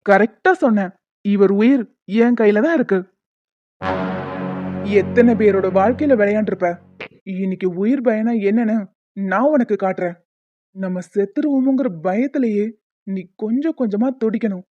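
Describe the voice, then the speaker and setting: A woman's voice: mid-range voice, normal speed, long pauses, no echo, natural voice. A woman voicing a scheming young husband in a cartoon serial, scornful and muttering his plans. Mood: vengeful. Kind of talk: Tamil cartoon serial voice acting. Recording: dull lo-fi sound.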